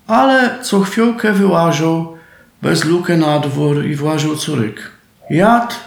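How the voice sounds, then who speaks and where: Male Silesian folk-tale narrator, unhurried, gravelly tone, recorded in an echoey room. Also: on the high side. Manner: homely storytelling in dialect. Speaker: storyteller.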